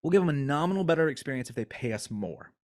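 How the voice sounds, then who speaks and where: A man hosting a podcast, chatting casually with friends and ranting in an animated, joking way. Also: on the high side, fast. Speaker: podcast host. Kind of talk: casual chat.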